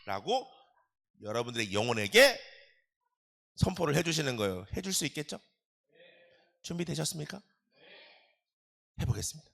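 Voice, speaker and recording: A middle-aged male pastor preaching a sermon, animated and joking, calling out to the congregation. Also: a little high, normal speed, gravelly, long pauses.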